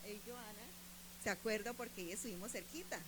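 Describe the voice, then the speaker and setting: A woman from Bucaramanga with a Colombian accent, preaching a sermon in church as a pastor's wife, moving from soft storytelling to loud, impassioned emphasis. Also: mid-range voice, fairly quick, background noise. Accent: Colombian Spanish. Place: church sanctuary.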